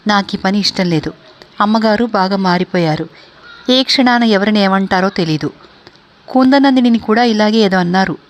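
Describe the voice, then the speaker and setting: A woman voicing a scheming young maidservant in a read-aloud story, speaking quickly and quarrelsomely. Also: medium pitch, natural voice. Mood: complaining.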